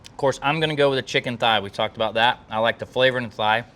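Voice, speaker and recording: This cooking channel host has a mid-range voice with a sharp tone and a quick pace. Folksy and upbeat, he chats informally with viewers straight to camera.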